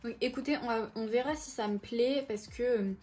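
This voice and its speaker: A woman's voice: on the high side, fairly quick, darkish tone. Chatty young woman hosting a book vlog. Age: 20s. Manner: chatty, full of hesitations and self-corrections. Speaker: book vlogger. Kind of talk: casual book haul chat.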